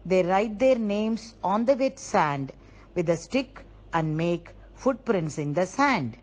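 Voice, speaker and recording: A woman narrating a scripted lesson for young children, explaining slowly and simply and asking them questions. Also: lowish voice, animated, a little mellow, low-quality recording. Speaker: kindergarten teacher.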